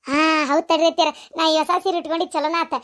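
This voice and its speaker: A woman with a North Karnataka Kannada accent playing a vain, flattering young daughter-in-law who sweet-talks her mother-in-law. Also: very high-pitched, very fast. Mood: sweet-talking. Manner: sweet-talking, coaxing.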